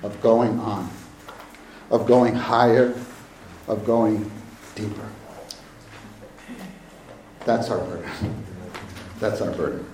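A man preaching a sermon at a pulpit microphone, slow and emphatic, often repeating his phrases. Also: lowish voice, darkish tone. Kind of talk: sermon to a congregation. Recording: echoey hall with faint room noise.

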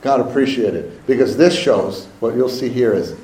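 A man preaching a sermon at a pulpit microphone, slow and emphatic, often repeating his phrases. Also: mid-range voice, dark tone. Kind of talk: sermon to a congregation. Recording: echoey hall with faint room noise.

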